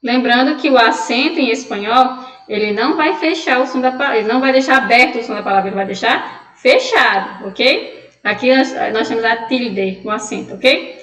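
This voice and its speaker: A woman teaching a Spanish pronunciation lesson, explaining patiently and drilling words slowly. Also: a little high, lively intonation, a bit bright, far from the mic. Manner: explanatory, drills words slowly, asks students' questions aloud. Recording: echoey room, voice off-mic.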